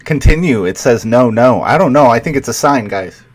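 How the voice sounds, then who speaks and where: A man hosting a casual live show, talking in a relaxed, laid-back way. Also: mid-range voice, brisk. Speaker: host. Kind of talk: casual chat.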